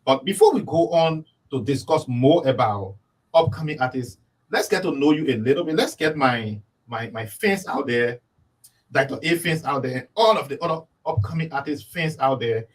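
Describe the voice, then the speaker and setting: A man's voice: a little high, expressive, moderate pace, far from the mic, poor audio. A man hosting an interview, earnest and often repeating his words. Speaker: interview host.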